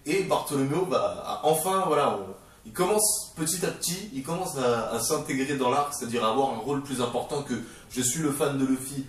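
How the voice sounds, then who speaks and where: A man hosting a casual solo video review, rambling with many fillers and restarts and throwing in playful, excitable asides. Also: medium pitch, brisk, hardly any pauses. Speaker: manga review video host. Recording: very echoey room, voice far from the mic, faint noise.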